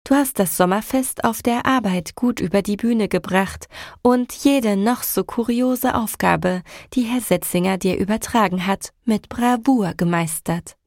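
A woman voicing a gentle inner peacemaker. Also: medium pitch, unhurried, dry recording, studio quality, close to an everyday voice. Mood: reassuring. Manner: soothing, reassuring. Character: gentle harmony-loving inner voice, female.

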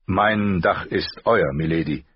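A big, blunt lord, as a male narrator plays him, slow and gruff, a low husky voice with little polish. Dry and slightly dull storybook sound. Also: exaggerated voice.

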